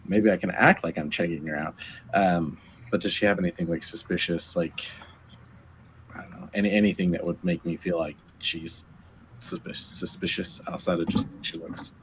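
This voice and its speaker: Brief: deep-voiced male tabletop player, hesitant and rambling. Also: steady tone, moderate pace, noisy background. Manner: hesitant, full of fillers. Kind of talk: playing a tabletop game.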